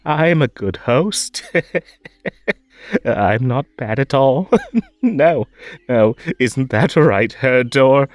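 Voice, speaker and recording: A man's voice: medium pitch, big pitch swings, drawn-out words, pauses often, dry recording. A man playing a whimsical, lonely and possessive magical rabbit host in a roleplay audio drama, coaxing theatrically with stammers and nervous giggles. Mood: nervous, unsettled.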